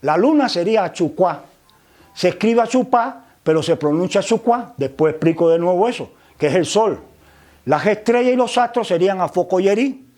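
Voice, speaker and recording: High-voiced man teaching with tag questions. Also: animated, moderate pace, darkish tone. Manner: frequent tag questions, repeats words while searching. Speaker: religious teacher. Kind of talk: explanatory lecture.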